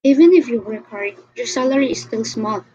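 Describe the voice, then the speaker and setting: A woman's voice: on the high side, brisk, warm tone, a little hiss or hum, natural voice. A woman playing a cold, dismissive female boss in an amateur audio drama, on a dull lo-fi recording. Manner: curt, dismissive.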